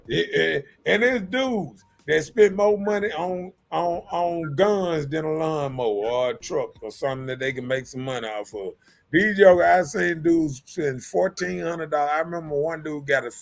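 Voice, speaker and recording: A man chatting casually as a co-host, telling stories with a lot of swearing and speech, getting loud when worked up. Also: a little high, creaky. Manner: animated, profane storytelling, swings loud when worked up. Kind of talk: casual chat.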